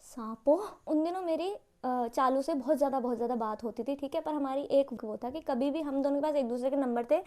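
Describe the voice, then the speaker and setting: Brief: young woman vlogger, high voice, rapid dramatic self-mocking storytelling. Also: darkish tone. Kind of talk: casual storytime vlog.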